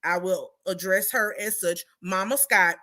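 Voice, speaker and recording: A woman's voice: mid-range voice, a little slow, sharp tone. A woman hosting a commentary channel, chatting sassily and talking straight to her viewers. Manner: sassy, chatty, addresses viewers directly. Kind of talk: casual commentary.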